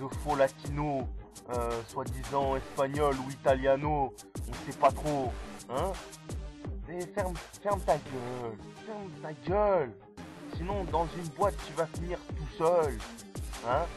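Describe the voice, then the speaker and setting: A man's voice: a little high, slow pace, over music. A man from Limousin, France, half-rapping a boastful, insulting diss freestyle, often tagging his lines with a questioning "hein". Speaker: amateur rapper.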